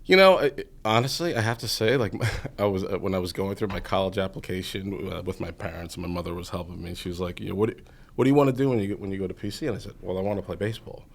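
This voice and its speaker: An entrepreneur in his 40s from Massachusetts tells his story as an interview guest, rambling and filling his speech with "you know." His voice is low and creaky, and he talks fast.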